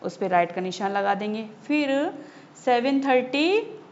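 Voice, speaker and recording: Casting: patient woman teacher, slightly high voice, very slow delivery, dull lo-fi audio. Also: lively intonation, a little hiss or hum. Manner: slow, patient, repeats key points for children. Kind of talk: textbook lesson explanation.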